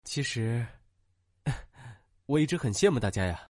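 A man voicing a gentle, shy male flour character in a children's audio story, talking softly with sighs. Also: high voice, animated, slow pace, dry recording, clean studio sound. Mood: shy hopeful. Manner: soft, wistful, sighing.

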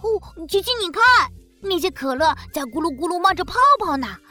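A woman's voice: very high-pitched, expressive, a little fast, fairly bright tone, soft background music. A woman voicing a small, earnest, childlike alien stranded on Earth in a children's audio story, with a plaintive manner. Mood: earnest, suggesting.

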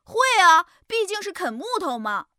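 A woman's voice: very high voice, sing-song, normal speed, bright, forceful tone, dry recording, studio quality, heavily acted. A cheerful, helpful beaver, voiced by a woman. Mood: explaining. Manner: friendly, patient explaining. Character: kind, helpful young male beaver, cheerful and modest. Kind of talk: children's storybook audio.

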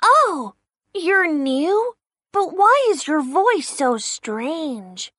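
A woman voicing a chubby, friendly, curious little sheep in an audio storybook, warm and caring. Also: very high-pitched, big pitch swings, drawn-out words, dry recording, studio quality, exaggerated voice.

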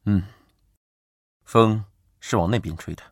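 A man doing a calm, modest master archer. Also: on the low side, no echo, clean studio sound, voice pushed down. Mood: focused. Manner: steady, unhurried, modest. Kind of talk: children's storybook voice acting.

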